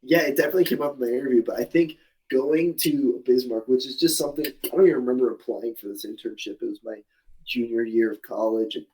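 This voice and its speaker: A man's voice: medium pitch, fast talker, a little mellow, rough recording. A young man in his twenties, the guest in a casual interview, talking in long rambling answers full of restarts and fillers. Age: 20s. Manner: rambling, many restarts and fillers, laughs at himself.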